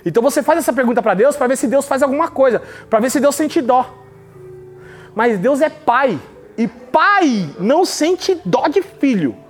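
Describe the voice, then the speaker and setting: A man preaching in a devotional podcast, his voice sitting high for a man. He talks with emphasis and tells stories, switching voices to act out the people he quotes. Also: expressive, moderate pace, soft background music.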